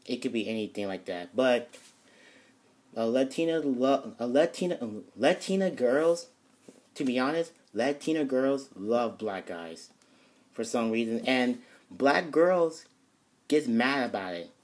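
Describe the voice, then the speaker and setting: A man's voice: medium pitch, lively intonation, unhurried. A young man telling a casual storytime vlog, rambling with many restarts and fillers. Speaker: vlogger.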